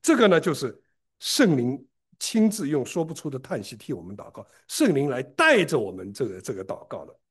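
A man preaching a sermon to his congregation, telling personal stories in an animated way with frequent restarts. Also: medium pitch, a little fast, breathy edge. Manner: animated storytelling, frequent restarts and self-repair.

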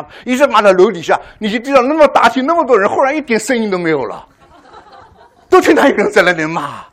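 Animated older man preaching a testimony. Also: a little high. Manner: animated storytelling, acting out voices; frequent rhetorical "right?" to the audience. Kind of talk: testimony sermon to a congregation.

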